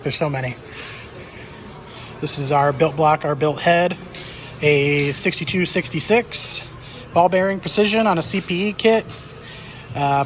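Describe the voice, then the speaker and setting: A man with a slightly high voice gives an off-the-cuff video tour of a car shop. He is blunt and offhand and swears freely. There is some background noise from the shop around him. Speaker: car shop owner giving a walkaround tour. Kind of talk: casual unscripted video tour. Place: busy car workshop, walking among cars.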